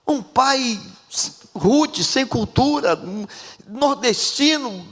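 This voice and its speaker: Husky-voiced preacher. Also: male voice, very high-pitched, very slow. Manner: emphatic, animated preaching with repeated lines. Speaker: pastor. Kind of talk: sermon. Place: large church sanctuary. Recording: reverberant church hall.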